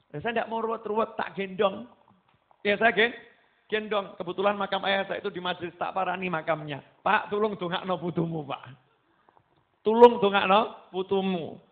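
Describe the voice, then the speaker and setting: A man with a Javanese accent preaching a sermon to a gathering, animated and acting out voices as he goes. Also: high voice. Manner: animated, mixing Javanese into his talk, acting out quoted voices. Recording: tinny phone-like sound.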